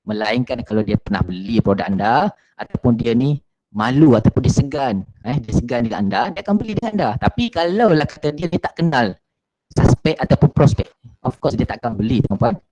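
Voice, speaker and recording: A man's voice: medium pitch, expressive, brisk, warm tone, low-quality recording. A man teaches an online business class as a marketing trainer. He repeats his points, keeps addressing his listeners politely, and fills gaps with short "ha" and "eh" sounds. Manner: frequent filler sounds "ha" and "eh".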